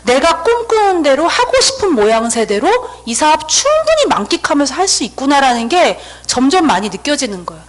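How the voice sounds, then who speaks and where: A woman in her thirties giving a seminar talk, telling a lively story and acting out her own dialogue. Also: high voice, a little fast, hardly any pauses, low-quality recording. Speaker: invited seminar speaker. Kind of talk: motivational storytelling speech.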